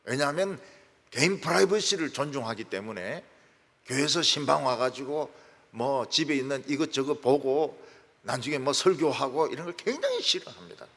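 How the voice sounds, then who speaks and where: A man's voice: big pitch swings, normal speed, fairly bright tone. A male pastor, preaching a sermon in a folksy storytelling manner. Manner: folksy storytelling with wide swings in pitch and volume. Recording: echoey church hall.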